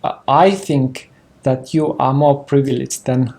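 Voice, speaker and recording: An older man with a Finnish accent, a native Finnish speaker talking in English in a personal sofa conversation, halting and careful with many pauses and throat-clearings. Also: medium pitch, a little mellow. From Finland. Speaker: interview guest, partner in conversation. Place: indoor living room with bookshelves.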